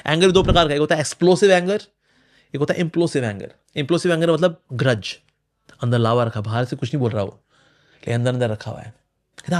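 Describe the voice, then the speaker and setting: A man answering questions in an interview, animated and explanatory, often acting out the voices in people's heads. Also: medium pitch. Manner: animated, acts out inner voices, mixes English phrases. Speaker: spiritual speaker.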